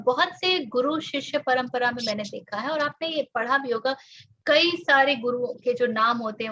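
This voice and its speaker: A woman's voice: high voice, a bit bright. A woman with an Indian accent giving a reflective spiritual talk, mixing Hindi and English and drawing out her English phrases. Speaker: spiritual teacher. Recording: dull lo-fi audio.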